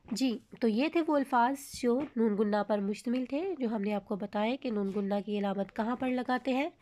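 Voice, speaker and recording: A woman teaching a children's grammar lesson, her voice sitting a little high. She has a Pakistani Urdu accent and explains patiently, stretching each example word out slowly and clearly. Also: a little mellow. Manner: explains slowly, reads example words drawn out.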